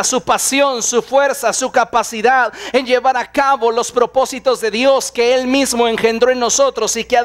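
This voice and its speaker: A man's voice: very high-pitched, fairly bright tone. A man preaching a sermon in a dramatic storytelling way, acting out the voices of the people in the story. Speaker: pastor.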